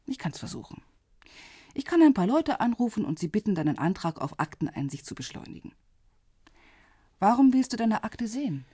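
Sounding hesitant but helpful, an actress plays a composed, businesslike intelligence officer in a radio drama, measured, discreet, and matter-of-fact. Her husky, mellow mid-range voice makes big pitch swings, recorded as clean studio sound without echo.

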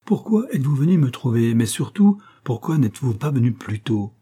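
A man playing an energetic, impatient detective who speaks in brisk, scolding exclamations. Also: medium pitch, slightly rough.

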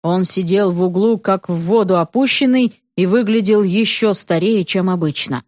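A woman narrating an audiobook story with an expressive, dramatic reading. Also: mid-range voice, normal speed, dry recording, clean studio sound.

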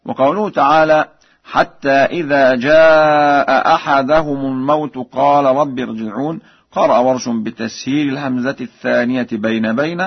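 A man explaining recitation variants in measured speech, then chanting the examples slowly and melodically, from an archival radio broadcast. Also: mid-range voice, fairly even intonation, breathy edge, muffled recording. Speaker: Quran recitation teacher.

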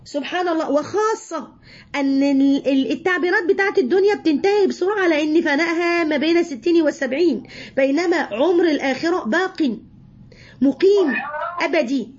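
A woman with an Egyptian Arabic accent gives a religious lesson to a room of listeners. She explains each point patiently and keeps asking them rhetorical questions. Her voice sits high, and the recording is dull and lo-fi. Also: fairly quick, darkish tone. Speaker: Quran teacher.

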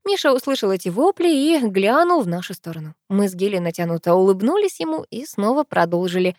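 A woman reading a first-person audiobook in a steady storytelling manner. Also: mid-range voice, a little fast, no echo, studio quality. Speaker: audiobook narrator.

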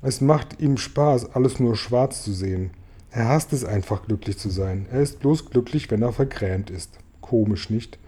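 A man puts on a gentle female ladybird who leans in and whispers her thoughts. The voice is soft, dark and husky, with an unhurried storybook warmth. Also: mid-range voice, close to an everyday voice. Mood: confiding. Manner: whispering confidingly. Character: ladybird, kindly motherly female insect.

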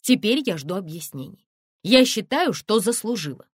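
A woman reader voicing an indignant young woman screenwriter who exclaims and demands answers in a sharp, raised voice. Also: medium pitch, very animated, normal speed, no room sound, clean studio sound, pitched above the performer's own voice. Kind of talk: audiobook character reading.

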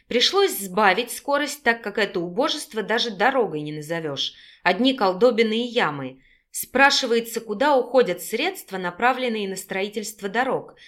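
A woman narrating an audiobook in a steady, even storytelling voice. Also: on the high side. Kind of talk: scripted narration.

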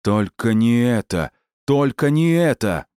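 A man's voice: mid-range voice, big pitch swings, slow pace, a little mellow, clean tone, no room sound, studio quality, pitched above the performer's own voice. A man voicing a tough male police officer who barks urgent commands in an audiobook. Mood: urgent, commanding.

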